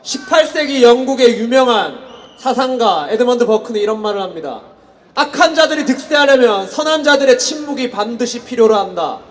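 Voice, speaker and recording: A man working as a rally emcee, delivering a rousing, declamatory shouted introduction. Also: very high-pitched, animated, brisk. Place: political rally with public-address microphone.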